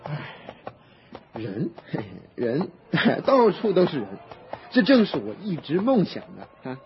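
A man's voice: a little high, huge pitch swings, a little slow, dull audio, slight background noise. A man playing a boastful spoiled young son. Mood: giddy. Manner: eager, boastful, pleading, giggling. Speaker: prodigal son. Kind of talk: radio drama.

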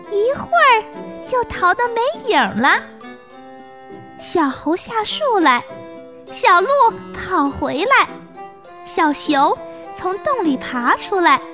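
Very high-voiced woman telling a story. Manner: slow, gentle storytelling. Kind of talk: children's story narration.

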